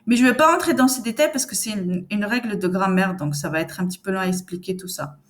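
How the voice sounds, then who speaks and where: A woman teaching reading in a patient, conversational way, repeating sounds and syllables slowly and answering the questions she expects from learners. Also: medium pitch. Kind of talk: step-by-step reading lesson.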